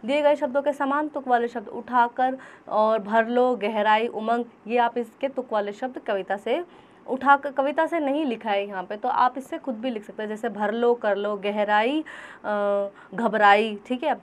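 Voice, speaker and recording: A woman's voice: a little high, moderate pace. A woman teacher going through a children's textbook exercise, patiently spelling words out sound by sound.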